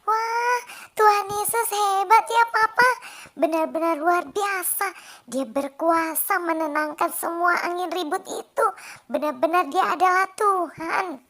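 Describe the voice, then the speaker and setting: A woman's voice: very high voice, unhurried, a bit bright. A woman voicing a small, timid little girl in a children's church story play, speaking in a childlike, earnest way. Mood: awed.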